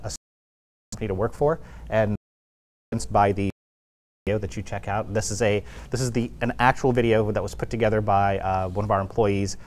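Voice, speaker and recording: A man with a low, darkish voice gives a casual presentation as a guest at a tech meetup. He's loose and chatty, full of fillers, speaking into a clip-on lapel mic in a room with an audience.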